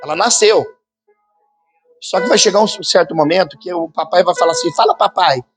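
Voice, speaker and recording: Fervent male pastor, slightly high voice, preaching live with music clearly audible underneath. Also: moderate pace. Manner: fervent preaching, acts out quoted voices and sounds. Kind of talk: sermon. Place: church conference hall. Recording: sermon with music playing underneath.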